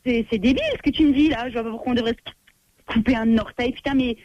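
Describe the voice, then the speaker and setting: A woman's voice: a little high, fairly even intonation, fast, no room sound. A woman on a phone call to a radio show, angry and swearing at the person pranking her. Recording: dull phone-call audio.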